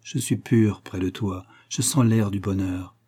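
A young lover speaks with earnest, tender emotion, read by a man in a storybook. The voice sits low and mellow, with a husky texture. Each line is heartfelt and sincere. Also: steady tone, unhurried. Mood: moved. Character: young man, moved and lovestruck. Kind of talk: audiobook character reading.

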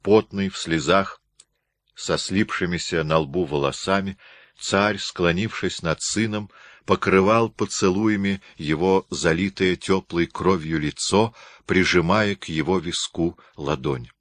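A man reading a historical novel aloud as an audiobook narrator, in measured, even storytelling. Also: sits low, no echo, studio quality.

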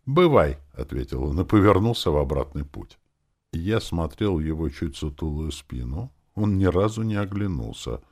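A man's voice: a bass voice, expressive, normal speed, a little mellow. A man narrating a first-person fantasy audiobook in a wry, conversational way.

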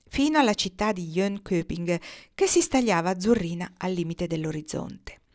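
A woman reading a storybook aloud in a measured, expressive narration. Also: lowish voice. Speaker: audiobook reader.

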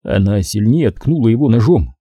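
A male narrator reads a thriller audiobook in a very dark, husky voice. His delivery is measured and dramatic, and his pitch moves lively through each sentence. He is recorded on a dry, close mic. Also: no room sound.

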